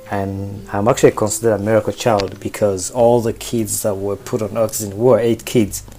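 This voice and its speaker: A Ugandan man around thirty, hosting a podcast and casually telling his own life story in an unhurried way with pauses and fillers. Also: fairly low pitch, darkish tone. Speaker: podcast host.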